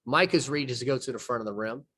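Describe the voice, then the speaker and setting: A man coaching basketball, talking through game footage in a plain mid-range voice. He explains each play patiently and folksily, often pausing and restarting his sentences. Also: medium pitch, a bit bright, slightly rough. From southern United States. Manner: folksy, explains plays step by step, trails off and restarts. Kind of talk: film breakdown conversation.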